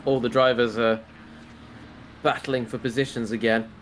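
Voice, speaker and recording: Male co-commentator, mid-pitched, friendly banter, noisy recording. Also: flat delivery, normal speed. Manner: chatty, laughing banter with co-host. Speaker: sim racing commentator. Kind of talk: casual esports race commentary.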